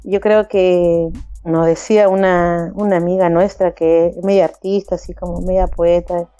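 Passionate woman organizer, mellow voice. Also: fairly low pitch, level tone, moderate pace, smooth, no echo, faint music behind. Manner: passionate, acts out others' voices with laughter. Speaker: migrant community organizer, guest. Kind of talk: animated interview talk.

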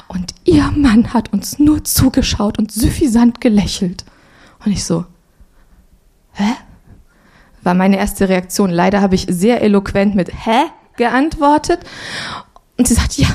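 Woman telling a lively sermon story. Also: on the high side. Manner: lively storytelling, acting out quoted voices. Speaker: preacher. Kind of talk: personal testimony in a sermon. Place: church stage.

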